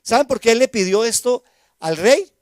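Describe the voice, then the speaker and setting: A male pastor delivers a sermon in a fairly high voice, captured close and dry with little room sound. He swings from loud, emphatic lines to quiet asides and keeps asking the congregation questions. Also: animated, normal speed, dry recording. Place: church sanctuary.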